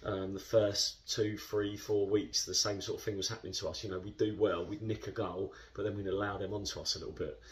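A football club captain in his thirties gives a post-match interview in a fairly low voice, rambling in a relaxed, chatty, measured way with plenty of fillers. He's filmed in an indoor club room by a camera placed a little back, so the sound is slightly distant.

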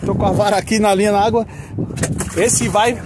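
A man chatting excitedly and laughing often as he hosts a fishing vlog out on a boat. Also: high-pitched, fairly quick. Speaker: fishing vlogger host. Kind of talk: casual on-camera fishing chat. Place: outdoors on a boat at sea. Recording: loud wind and boat noise.

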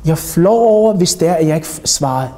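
A man giving a religious lecture to young people as an Islamic teacher, talking animatedly and putting rhetorical questions to his listeners. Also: fairly high pitch. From Denmark. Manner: animated, addresses audience directly with rhetorical questions.

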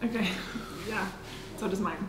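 A woman co-hosting a casual challenge vlog, expressive and squeamish, laughing through complaints. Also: mid-range voice, moderate pace, reverberant, noisy background. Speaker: vlog co-host.

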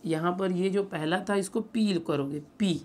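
This maths teacher, a man whose voice is high-pitched and a little mellow, takes each step patiently. Along the way he asks rhetorical questions and reads English statements aloud slowly, word by word.

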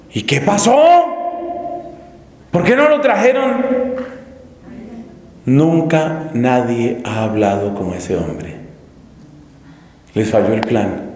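A man's voice: medium pitch, a little mellow. A man from Colombia preaching a teaching sermon, telling stories dramatically and acting out the voices of crowds and characters. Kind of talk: classroom sermon. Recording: echoey hall with long reverb.

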